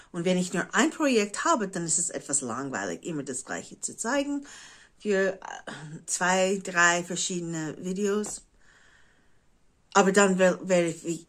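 A woman in her forties from the United States, a native English speaker with an American English accent in her German, chatting casually to camera and often pausing to search for words. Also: fairly low pitch. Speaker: craft vlogger. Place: living room at home, indoors.

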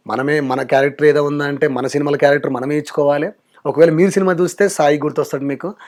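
A man's voice: a little high, darkish tone. A man, a mimicry artist talking frankly in a casual interview.

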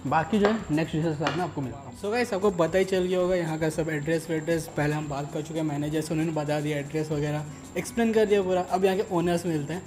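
A young man with a voice on the high side talks quickly while vlogging a casual food review at an outdoor rooftop restaurant. He's chatty, tasting dishes and commenting between bites.

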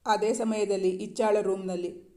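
Highish mellow male storyteller. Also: level tone, normal speed. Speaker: story narrator. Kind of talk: scripted storybook narration.

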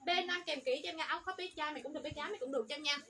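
A woman selling children's clothes on a livestream, rattling off product codes and sizes in an upbeat sales pitch. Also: racing, bright, forceful tone, slight background noise.

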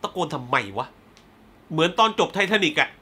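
A male film reviewer with a bright, forward voice talks through a film in a loose, spoiler-heavy way. He is blunt and fired up and swears freely before apologizing. He slips into quick acted-out lines of dialogue while he recaps scenes. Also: on the high side, lively intonation, husky. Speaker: movie reviewer.

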